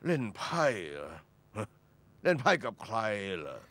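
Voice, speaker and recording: A man's voice: fairly low pitch, huge pitch swings, a little slow, a bit bright, no echo, heavily acted. A man dubbing a jealous husband who questions his wife and then begs her to stay, in a Thai TV drama dub. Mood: suspicious. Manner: suspicious, then begging and sobbing. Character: desperate pleading husband, jealous.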